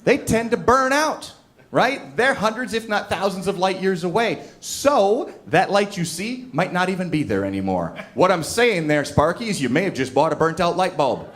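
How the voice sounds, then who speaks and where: A man's voice: high voice, big pitch swings, moderate pace. A man doing a stand-up comedy set on a club stage, brash and teasing the crowd. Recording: live club, crowd laughter. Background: audience laughing.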